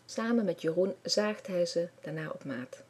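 Husky woman reading a children's story. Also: on the low side, normal speed. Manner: expressive, lively storybook reading.

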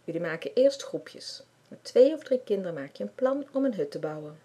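A woman voicing a friendly grown man who leads a children's building club and calls out loudly to the group. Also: medium pitch, animated, a little fast, breathy edge. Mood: cheerful.

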